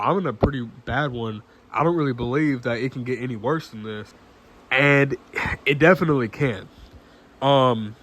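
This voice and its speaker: This nineteen-year-old male vlogger chats earnestly to camera in a medium, fairly bright voice. His delivery stumbles along with restarts and filler words, and he keeps clearing his throat.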